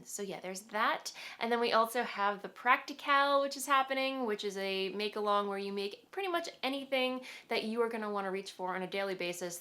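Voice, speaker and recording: A woman's voice: mid-range voice, a bit bright. A woman with a cold and a nasal, congested voice, hosting a knitting podcast in a casual, rambling chat. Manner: chatty and rambling, with fillers and laughs.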